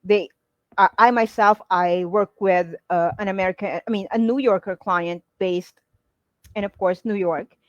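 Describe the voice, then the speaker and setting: A woman coach talks through a live webinar lesson, pausing on "um" and "uh" and checking in with her listeners as she goes. Her voice sits at an ordinary middle pitch. The sound is close and dry, with no room echo. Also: steady tone, muffled recording. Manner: explanatory, frequent "right?" and "okay?" check-ins with listeners; many "um" and "uh" pauses. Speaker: virtual assistant coach.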